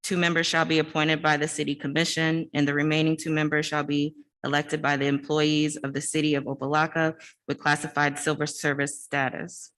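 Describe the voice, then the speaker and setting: A woman board member reads aloud at a public meeting. Her voice is muffled, as if it comes through a wall, with parts of the recording sounding a little distant. Her pitch stays level and flat throughout. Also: brisk. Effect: muffled, as if heard through a wall.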